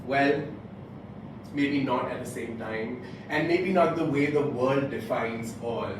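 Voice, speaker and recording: A man in his late twenties gives a prepared motivational speech in an indoor club meeting room, pitched in an ordinary middle range for a man. He speaks deliberately, splitting his delivery into short rhetorical phrases. The mic is distant, the room very echoey, and there's some background noise.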